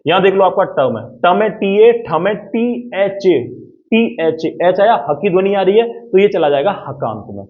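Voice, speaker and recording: A man's voice: sits high, expressive, normal speed. Man teaching a Hindi lesson over tinny audio. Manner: explains step by step, keeps checking if students follow. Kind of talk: exam-prep grammar lesson at a board.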